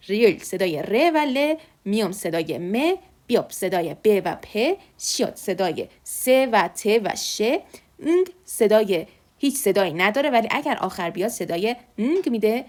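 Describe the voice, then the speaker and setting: A woman teaching Korean letters, patiently repeating each sound slowly. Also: mid-range voice, darkish tone. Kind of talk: online alphabet lesson.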